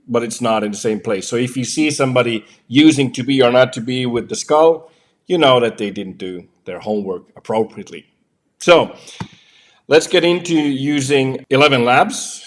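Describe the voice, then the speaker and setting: A man, a voiceover artist, chatting casually about voice software from his home office, with frequent fillers. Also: mid-range voice. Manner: chatty, filler-heavy explaining. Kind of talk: casual tech review.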